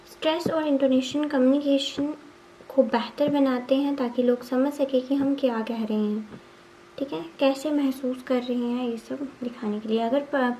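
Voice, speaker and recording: High-voiced woman teaching exam notes. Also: dark tone, a little hiss or hum, low-quality recording. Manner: explains point by point, asking and answering her own questions; mixes English terms into Hindi, often says 'ठीक है'. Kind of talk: exam revision lesson.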